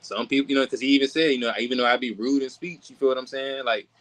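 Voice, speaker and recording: A man's voice: medium pitch, quick pace, poor audio. Emphatic man in casual faith talk. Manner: animated and emphatic, asks "you feel what I'm saying?". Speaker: podcast co-host. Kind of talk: casual religious discussion.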